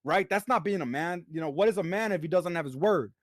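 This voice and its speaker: A man's voice: high-pitched, quick pace, no echo, studio quality. A man co-hosting a podcast, talking earnestly and rambling, with a lot of swearing. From United States. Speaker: podcast co-host. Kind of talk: casual chat.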